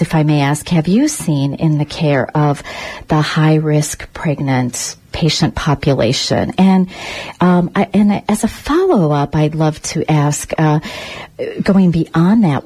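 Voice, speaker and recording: A woman hosts a radio interview with a deep, soft-edged and husky voice. She takes her time, sounding reflective and polite as she puts questions to her guest. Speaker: radio host.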